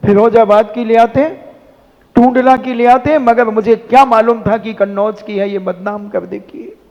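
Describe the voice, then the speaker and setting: A male Jain monk giving a sermon with animated, rhetorical scolding and mimicry. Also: sits high, unhurried. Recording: dull sound in a long-echo hall.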